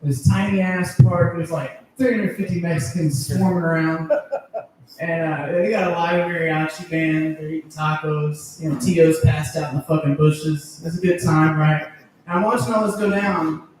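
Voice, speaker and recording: A man's voice: fairly high pitch, fairly even intonation, normal speed, a little mellow. Guy doing a raunchy stand-up set, laughs at his own bits, handheld mic, echoey club, faint background hum. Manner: crude, profanity-heavy, chuckles at his own jokes. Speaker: stand-up comedian. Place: comedy club stage with audience. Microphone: handheld stage mic. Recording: echoey room, mic picked up from a distance.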